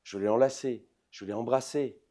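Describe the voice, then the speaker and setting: A rabbi in his forties holds a lecture with a dark, mellow voice. He rises into loud, emphatic bursts, then drops to soft, close asides, and keeps turning to his listeners with direct questions. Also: medium pitch, moderate pace. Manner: swings between loud emphatic outbursts and soft intimate asides; addresses the audience directly with questions. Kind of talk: lively religious lecture to an audience.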